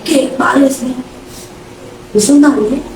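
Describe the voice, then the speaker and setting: A woman preaching a lively sermon in a church hall, playful and dramatic, acting out everyday scenes and calling her listeners brother. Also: high-pitched, slow, gravelly, very noisy. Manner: addresses the congregation directly as brother. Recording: echoey hall from far off.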